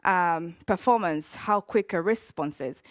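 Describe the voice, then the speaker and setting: A woman from Zambia giving a conference talk, in a conversational way with frequent pauses and fillers. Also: fairly low pitch, dry recording, clean studio sound. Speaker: conference speaker. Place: conference hall.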